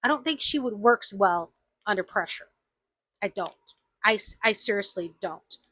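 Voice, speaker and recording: An American vlogger with a slight Southern accent rants angrily to camera in her own video, emphatic and repeating her points. Her mid-range voice is animated with a sharp tone, at a moderate pace, in a dry recording.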